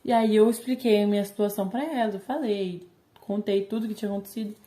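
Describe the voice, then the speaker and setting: Casting: teen Brazilian vlogger girl, mellow and warm, lively storyteller who acts out quotes. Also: medium pitch, quick pace. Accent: Brazilian Portuguese. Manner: chatty, animated retelling with quoted dialogue. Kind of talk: casual storytelling to camera.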